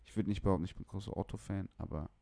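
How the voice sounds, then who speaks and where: Talking rapid-fire in a low, gravelly yet mellow voice, this young music producer from northern Germany is a podcast guest speaking casually about music. He's slangy, blunt and full of opinions, and the recording is dry.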